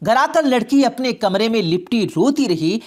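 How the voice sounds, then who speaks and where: A woman narrating a dramatic story in an expressive storytelling manner. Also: fairly high pitch.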